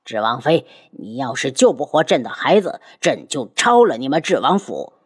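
Woman voicing a furious low-voiced emperor. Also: very animated, moderate pace, husky, heavily acted. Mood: angry. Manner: commanding, threatening. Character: furious domineering male emperor.

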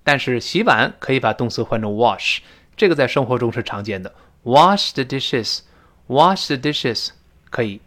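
Chatty and animated, a male teacher with a mid-range voice explains spoken English like he's telling a classroom story, then slows right down to stretch out each word's pronunciation.

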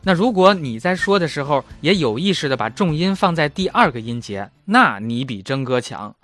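A man's voice: fairly high pitch, very animated, normal speed, fairly bright tone, no room sound, soft background music. A man in his thirties hosting a casual language lesson, chatty and self-mocking. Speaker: German language teacher and host.

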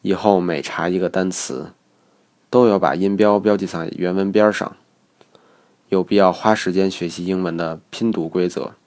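A man's voice: low-pitched, steady tone, normal speed, darkish tone. A man teaching English study methods in a methodical, matter-of-fact lecture. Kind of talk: instructional lecture.

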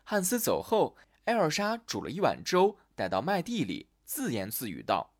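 A man narrating a fairy tale for listeners in an expressive storytelling manner. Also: mid-range voice, moderate pace.

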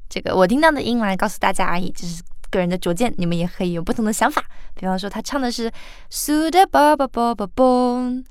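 A woman's voice: mid-range voice, dry recording, clean studio sound. A woman teaching how to sing a song, patiently breaking lines apart and explaining the sounds. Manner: patient, sings example lines slowly then explains. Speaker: singing teacher. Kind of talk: song pronunciation lesson.

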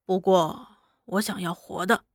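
Woman voicing aging bandit boss, low and heavy, weary sighs, storybook reading, dry close sound. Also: steady tone, measured pace, no echo. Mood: curt. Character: aging man, bandit chief, weary and brooding.

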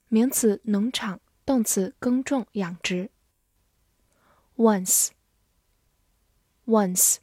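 A woman teaching English vocabulary in a scripted lesson. She says each English word twice, clearly, then explains it. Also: medium pitch, mellow, no room sound, studio quality.

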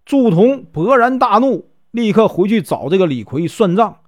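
A man's voice: sits high, very animated, normal speed, darkish tone, dry recording, clean studio sound. A man with a Northeastern Mandarin accent telling a classic tale in a folksy, casual way, with many small fillers. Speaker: storyteller. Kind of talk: casual storytelling narration.

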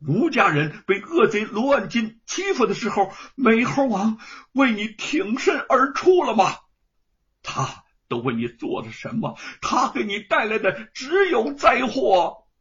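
A man's voice: on the high side, wildly swooping pitch, unhurried, creaky, a bit bright, exaggerated voice. A man storyteller voicing a hurt, indignant wife who scolds sharply in a raised voice, on a dull lo-fi recording. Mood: reproachful. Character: wounded indignant older wife, sharp reproach.

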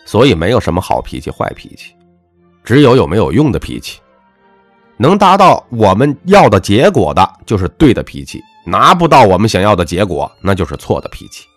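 A deep-voiced man delivers a motivational monologue in a lecturing, emphatic way. His pitch swings widely, jumping up on key words and sinking low at the ends of phrases. The recording is close and dry, with faint music underneath. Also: sing-song, brisk, dry recording. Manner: emphatic, lecturing, swings between punchy highs and dropped low endings. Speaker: self-help speaker. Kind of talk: motivational monologue with personal anecdote.

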